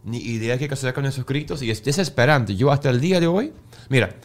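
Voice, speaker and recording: A man's voice: medium pitch, animated, fairly quick. A man, a podcast host and father, responding to a guest with empathy and relating a story of his own. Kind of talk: conversational podcast chat.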